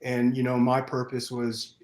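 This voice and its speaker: A man's voice: mid-range voice, monotone, darkish tone. Earnest Vietnam-born man in roomy sound. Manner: earnest, measured, with frequent fillers and restarts. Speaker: podcast guest. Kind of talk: personal storytelling in interview. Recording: roomy echo.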